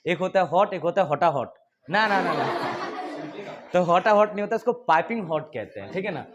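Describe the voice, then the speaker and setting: A man's voice: sits high, lively intonation, a little fast, highs cut off, noisy background. A man with an Indian accent teaching English to a class, mixing Hindi and English, often laughing and quizzing the students. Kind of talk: classroom lesson in Hinglish.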